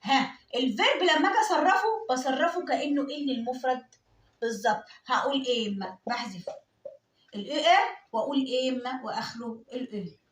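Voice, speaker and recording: Brief: Egyptian woman French teacher, high voice, echoey room, explains step by step. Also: lively intonation, fairly quick. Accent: Egyptian Arabic. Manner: explains step by step, asks and answers her own questions. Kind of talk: classroom exam-prep lesson.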